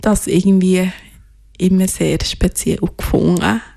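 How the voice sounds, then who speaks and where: A woman from Ghana, as an interview guest, soft-spoken and hesitant, searching for her words. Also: fairly low pitch, fairly even intonation, measured pace, creaky. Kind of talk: reflective personal interview.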